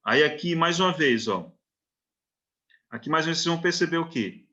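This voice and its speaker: A man's voice: a little high, lively intonation, brisk, pushed and bright, muffled recording. A man with a Brazilian Portuguese accent teaching a recorded literature lesson, checking in often with short questions and reading verse lines out syllable by syllable. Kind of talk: recorded online lecture.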